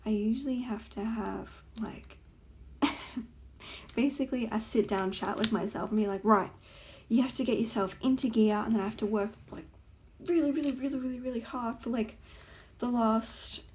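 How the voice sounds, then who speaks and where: A woman's voice: on the high side, moderate pace, a little mellow, slight background noise. A young woman chatting casually while planning, rambling with many fillers and sometimes dropping to a whisper. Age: young adult. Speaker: planner vlogger. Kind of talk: casual plan-with-me chat.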